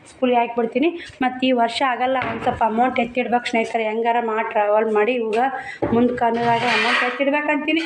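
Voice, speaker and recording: Woman, 30s, North Karnataka Kannada accent, earnest casual vlog talk, echoey room, faint hiss. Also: a little high. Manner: plain, heartfelt, addresses viewers as friends. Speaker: vlogger. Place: home.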